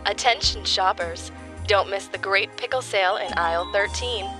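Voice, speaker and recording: A woman playing a grocery store announcer who calls out sales in a drawn-out way, heard from a distance. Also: mid-range voice, over music, close to an everyday voice. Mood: cheery.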